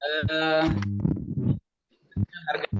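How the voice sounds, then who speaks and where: A man talking in halting, broken phrases over an online call whose audio keeps cutting out and glitching. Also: fairly high pitch, monotone, a bit bright. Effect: choppy, cutting-out online call audio. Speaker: participant in an online business discussion. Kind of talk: casual remote talk. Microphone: video call. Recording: muffled, choppy call line with faint music.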